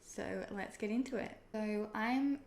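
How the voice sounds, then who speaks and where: A young Australian woman, an online seller and video creator, explains her topic in a relaxed, casual vlog, friendly and chatty, with frequent "um" and "personally". Her mid-pitched voice has a gravelly, fried edge and an unhurried pace. The room is echoey, with a faint background hiss.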